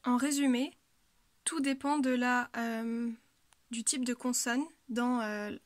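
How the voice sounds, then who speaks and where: Slow, patient woman teaching pronunciation. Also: a little high, little pitch movement, no echo. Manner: patient, repeats words slowly, frequent hesitations. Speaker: language teacher. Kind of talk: explanatory lesson.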